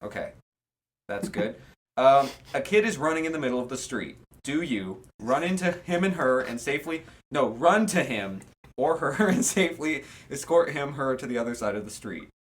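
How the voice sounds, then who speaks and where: A man's voice: medium pitch, lively intonation, normal speed. A man co-hosting a podcast, reading quiz questions aloud and adding sarcastic asides in casual chat.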